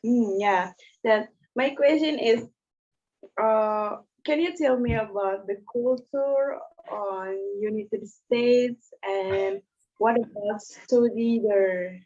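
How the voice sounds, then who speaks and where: A woman learning English who asks questions in careful, halting English on a video call. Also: a little high, dark tone. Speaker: student in an English conversation class. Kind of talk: casual video-call chat. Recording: muffled video-call audio.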